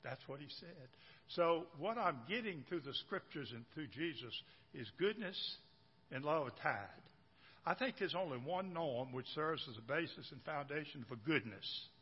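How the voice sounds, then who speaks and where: Preaching a sermon to his congregation, this pastor is folksy, repeats himself, and keeps putting questions to the room. His voice is fairly high and slightly rough. It's a dull, echoey church hall recording.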